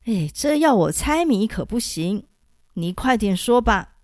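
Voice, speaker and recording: A woman voicing a jovial old male beggar who loves fine food, talking in a hearty, boisterous way with loud laughs. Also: medium pitch, sing-song, unhurried, dry recording, studio quality.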